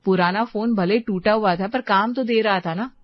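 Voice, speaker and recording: A woman's voice: mid-range voice, normal speed, no echo, close to an everyday voice. Young wife in a cartoon moral story, polite but dismissive, voiced by a woman. Dry and slightly muffled sound. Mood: protesting. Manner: polite but brushing off others.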